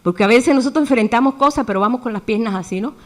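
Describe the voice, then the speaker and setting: A woman preaching a sermon in a lively way, acting out the voices she quotes. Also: on the high side, fast talker.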